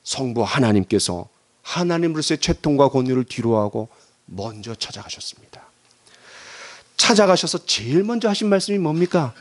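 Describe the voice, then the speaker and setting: A man's voice: medium pitch, very animated, normal speed. A man preaching a Sunday sermon as pastor, dramatically acting out the voices in the quotes he tells. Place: church sanctuary.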